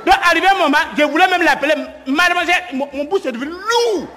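A man's voice: very high voice, quick pace, big-room sound, some chatter behind. A comedian voicing a boastful, broke man chatting up a girl in a bar, in broken French with a put-on Burkinabe accent. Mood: laughing boast. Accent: Burkinabe imitation. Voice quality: broken French, animated storytelling. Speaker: stand-up comedian. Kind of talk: comic monologue sketch.

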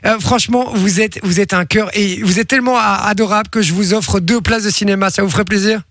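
A high-pitched man runs a prank call on live radio, gushing and apologetic, breaking into laughter. His voice is close and dry, with no room sound. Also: steady tone, brisk, fairly bright tone, dry recording, faint music behind.

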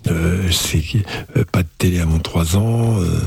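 A man's voice: sits low, a little slow, vocal fry, darkish tone, breathy edge, no echo. An older man giving opinionated expert advice on radio, emphatic and didactic, repeating key phrases. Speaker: doctor, radio show expert. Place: radio studio. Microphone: close studio microphone.

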